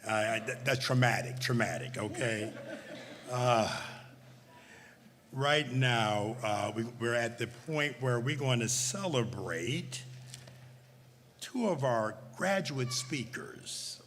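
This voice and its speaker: A man's voice: medium pitch, animated, slow, a bit bright. Stammering middle-aged male host in a hall. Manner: casual, stammering, laughing asides. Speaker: ceremony host. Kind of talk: ceremony remarks. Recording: reverberant hall, faint noise.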